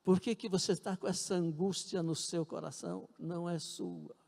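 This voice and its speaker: Preacher doing a ragged beggar man, soft calm quiet voice, church echo. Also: a little high, moderate pace, creaky, exaggerated voice. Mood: gentle.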